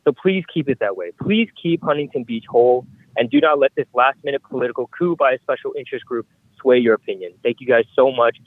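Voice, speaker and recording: A man's voice: medium pitch, fast, dry recording. A man calling in to public comment who speaks in an earnest, urgent way. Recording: tinny dry phone line.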